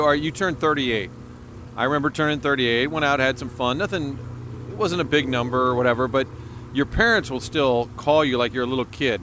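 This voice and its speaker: A man's voice: medium pitch, a bit bright, slight background noise. A man in his forties hosting a casual chat podcast, hyper and joking. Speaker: podcast host.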